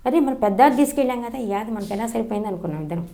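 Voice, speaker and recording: A woman's voice: on the high side, animated, mellow. A woman, telling a personal memory in an earnest, storytelling way. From Andhra Pradesh, India. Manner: fast, earnest storytelling with frequent restarts. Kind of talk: personal reminiscence.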